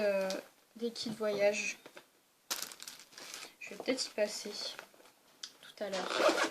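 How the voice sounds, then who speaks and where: A woman's voice: fairly high pitch, slight background noise. A young woman casually showing her weekend travel toiletries in a vlog, chatty, with many fillers and restarts. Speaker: beauty vlogger. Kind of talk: casual show-and-tell vlog.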